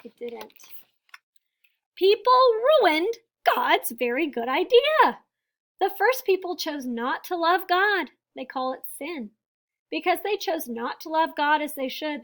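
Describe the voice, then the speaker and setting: Reading a picture book to children, a woman with a high, slightly bright voice speaks expressively. Like a teacher, she uses deliberate phrasing, leans on key words, and keeps her explanations simple for the little ones.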